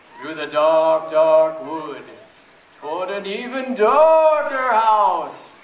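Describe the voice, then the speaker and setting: Very slow and high-voiced, a man gives a lively read-aloud to families at a school event, theatrical and playful and full of questions for his listeners. He is a children's book reader and blogger. A far-off mic in the large indoor room makes him sound echoey amid the noise.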